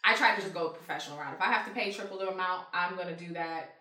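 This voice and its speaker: Animated storytelling woman, echoey room. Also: fairly low pitch, quick pace, distant mic. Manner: animated storyteller, acts out heated quotes, swears freely. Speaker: guest telling stories. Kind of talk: casual chat.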